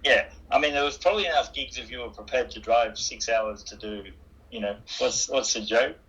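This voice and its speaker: Over a phone call, an older Australian musician talks in a casual interview, his medium-pitched, slightly bright voice moving fairly quickly. He rambles, puts himself down, and keeps restarting and using fillers.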